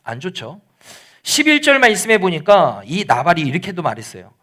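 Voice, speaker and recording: A man's voice: high-pitched, wildly swooping pitch, a little fast, pushed and bright. A male pastor preaching a midweek sermon, asking the congregation questions and acting out the quoted lines. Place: church.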